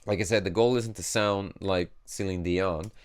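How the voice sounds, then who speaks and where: Male producer, tutorial host, smooth lowish voice, easygoing explaining. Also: moderate pace. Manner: relaxed, explains as he works. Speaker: music producer teaching. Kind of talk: casual tutorial talk.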